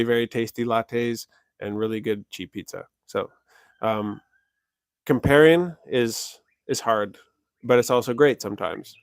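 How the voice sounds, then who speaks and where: A young Canadian man hosts a casual livestream Q&A, answering viewer questions in a loose, rambling way packed with "like" fillers, restarts and self-corrections. His voice is mid-range and the audio has no echo.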